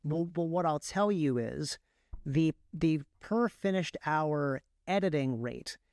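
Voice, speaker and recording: An indie author and audiobook narrator talks as an interview guest, animated yet slow, walking through his methods and adjusting his phrasing along the way. His clear, resonant, slightly high voice has a darkish tone, recorded dry and close with no room sound.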